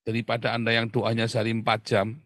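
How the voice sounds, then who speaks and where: Middle-aged man, Tegal Javanese accent, pastor preaching casually, mid-pitched, animated with hushed asides, dry close sound. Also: quick pace, no echo. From Tegal, Central Java. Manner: animated, swings between loud emphasis and hushed asides. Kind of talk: casual sermon.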